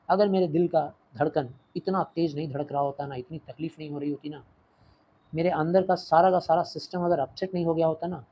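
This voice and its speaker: A man's voice: a little high, warm tone, husky, low-quality recording. Man with Indian accent explaining a play. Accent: Indian English. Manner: explains line by line, switching languages. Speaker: teacher. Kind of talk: Hindi-English literature lesson.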